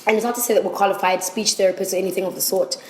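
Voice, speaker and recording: A woman's voice: medium pitch, fairly even intonation, racing, darkish tone, faint music behind. A South African woman giving articulate, explanatory answers in a conversational interview. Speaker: interview guest, presenting teacher. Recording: roomy echo with faint background noise.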